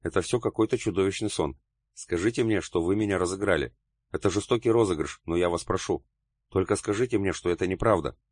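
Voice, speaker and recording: A man voicing a lively young woman who talks in a breezy, teasing way, read as part of an audiobook. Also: low-pitched, fast talker, no room sound. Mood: pleading. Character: lively young blonde woman, brisk and pert. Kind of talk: audiobook character reading.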